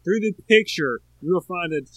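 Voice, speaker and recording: A man co-hosting a podcast, chatting casually about a movie in an animated, rambling way. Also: sits high, moderate pace, breathy edge, no room sound. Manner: animated, rambling, full of filler words. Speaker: podcast co-host. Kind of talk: casual movie review chat.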